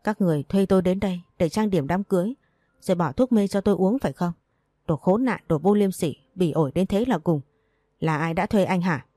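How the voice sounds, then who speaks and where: A woman's voice: lowish voice, no echo, close to an everyday voice. A woman doing a furious wronged young wife. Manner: rapid, shouting accusations.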